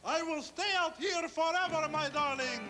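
A man's voice: extremely high pitch, normal speed, sharp tone, slight background noise. A man playing a lovesick, grandiose flamingo opera singer in children's puppet comedy, with florid theatrical delivery and operatic crooning over music. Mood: ardent.

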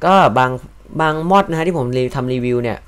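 A young man casually commenting while he plays a block-building game, chatty and joking, with loud exclamations. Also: on the high side, a little fast, clean tone. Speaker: gaming video host.

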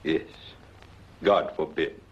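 An actor playing a cold alien posing as human, middle-aged, stilted and formal, in a 1950s film. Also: male voice, very deep voice, slow. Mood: cold, controlled. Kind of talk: 1950s science-fiction film acting. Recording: muffled old 1950s film soundtrack.

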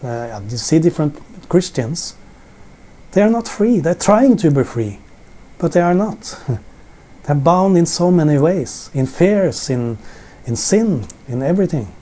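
On the high side and dark in tone, this man's voice is expressive yet unhurried. He is a middle-aged Norwegian with a Norwegian accent who teaches the Bible in English to camera from his living room sofa in an informal way, often repeating words as he searches for them, with the camera in front and a seated framing.

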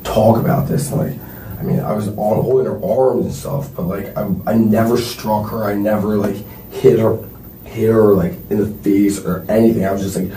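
A young man with a low, mellow voice talks in halting, filler-heavy bursts during a police interrogation. He is picked up by a distant recorder in a roomy interview room. Faint background noise runs under the voice. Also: flat delivery. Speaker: suspect being questioned.

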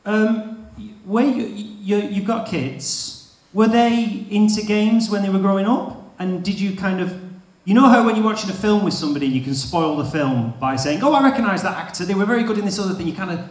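A man's voice: high voice, fairly quick. A man interviewing a guest on stage, asking eager, rambling questions with hesitations. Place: large expo hall stage. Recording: echoey hall mic heard from a distance.

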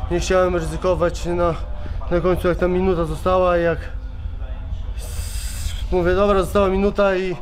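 A man in his thirties, worn out after a fight, answering reporters in a halting way, restarting and repeating words, speaking into handheld mics at a backstage press wall. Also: high voice, flat delivery. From Poland. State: exhausted. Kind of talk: post-fight press interview. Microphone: several handheld reporter mics held close.

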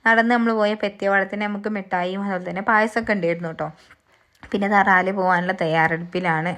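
Fast-talking young woman. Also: medium pitch. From Wayanad, Kerala. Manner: chatty, tags sentences with a friendly "tto". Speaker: vlogger. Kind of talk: casual voice-over narration of a day.

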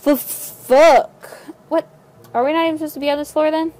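A woman's voice: high voice, level tone, rapid-fire, a little mellow, rough recording. A young woman casually commenting while playing a video game, chatty and prone to swearing. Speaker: let's play host. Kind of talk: casual let's play commentary.

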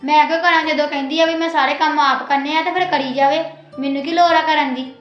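A woman's voice: high-pitched, steady tone, fast, lo-fi sound, lightly acted. A woman with a Punjabi accent playing a defensive, complaining young daughter-in-law. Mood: defiant. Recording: echoey room with music.

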